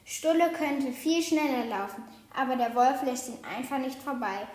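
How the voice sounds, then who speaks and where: A woman reading a children's picture book aloud with lively, expressive storytelling. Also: sits high, normal speed. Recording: roomy echo.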